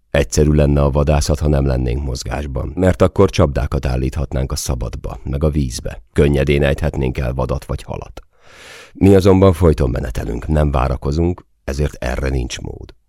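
Male audiobook narrator with a very deep, dark, gravelly voice, terse and wry, close and dry. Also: no room sound. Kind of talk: first-person audiobook narration.

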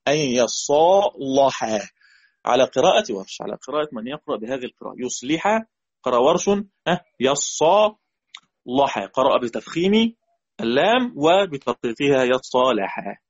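A man's voice: mid-range voice, sing-song, fast talker. A man with an Egyptian accent teaching Quran recitation rules in a classroom lecture, who questions the students and repeats and chants the example words. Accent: Egyptian Arabic. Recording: dull lo-fi recording.

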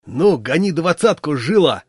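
A man voicing a brash, ruthless male coworker who yells his demands. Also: mid-range voice, very animated, fast, no room sound, clean studio sound.

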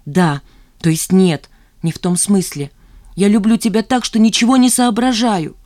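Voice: mid-range voice, fairly even intonation, a little slow, warm tone, dry recording, studio quality, natural voice. Narrator voicing a defiant woman in love. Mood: fervent.

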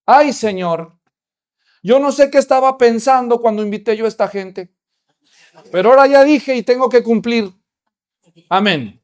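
A woman's voice: moderate pace, long pauses, darkish tone, natural voice. A male preacher voicing a nervous little girl in a sermon story, speaking in a raised, pleading voice. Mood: earnest. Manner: pleading, higher-pitched girlish voice.

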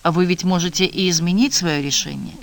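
A man's voice: high-pitched, a little fast, vocal fry. A man reading the lines of an anxious, insistent female pediatrician who speaks urgently. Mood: worried.

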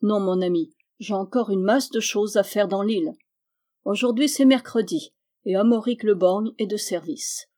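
A woman reading a literary novel aloud as an audiobook, calm and measured, voicing the dialogue softly. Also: medium pitch. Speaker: audiobook reader.

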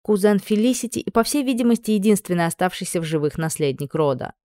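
A woman narrating a novel as an audiobook in a steady, even storytelling manner. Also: medium pitch, fast talker, dry recording, studio quality. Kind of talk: scripted narration.

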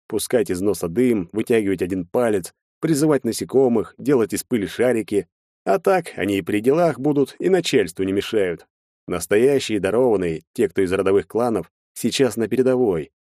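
A man's voice: on the low side, mellow, dry recording, clean studio sound. A man narrating a first-person audiobook in a weary, sardonic tone.

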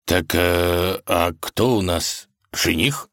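A man's voice: lowish voice, animated, normal speed, a bit bright, no room sound, clean studio sound. A man voicing a bewildered, caring old tsar who speaks in a puzzled, mild manner.

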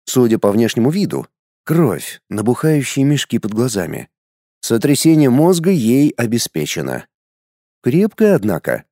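A man reading a first-person audiobook with a wry, deadpan delivery. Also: medium pitch, moderate pace, no echo, studio quality. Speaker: audiobook narrator.

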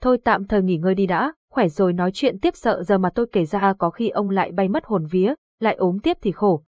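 A woman's voice: mid-range voice, brisk, darkish tone, no room sound, close to an everyday voice. Storybook young villager, polite and reassuring, dry close sound, read by a woman narrator. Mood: earnest. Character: young village man, anxious but steady helper.

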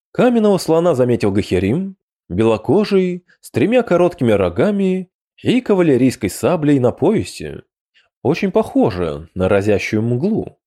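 Expressive male audiobook narrator. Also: medium pitch. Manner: expressive, storytelling delivery. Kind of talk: scripted narration.

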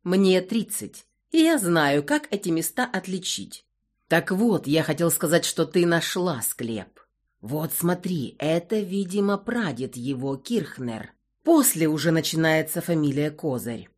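A woman's voice: sits low, expressive, measured pace. A woman voicing a joking, sarcastic man of thirty in an audiobook. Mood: teasing. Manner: teasing, sarcastic. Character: thirty-year-old man, joking, wry.

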